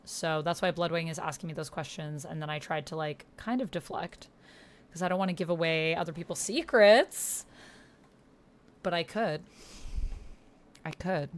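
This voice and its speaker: While playing a text roleplaying game on her livestream, a woman talks casually, thinks out loud, and reads her messages as she types them. She has a low voice, speaks at normal speed, and pauses often, with audible keyboard typing in the background.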